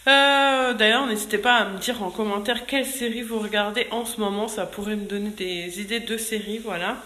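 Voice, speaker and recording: A young French mother, a family vlogger, chats casually in her home kitchen while filming on a handheld phone, full of fillers and restarts. Her voice is medium-pitched with fairly even intonation and a sharp tone, and she talks a little fast. The sound is roomy.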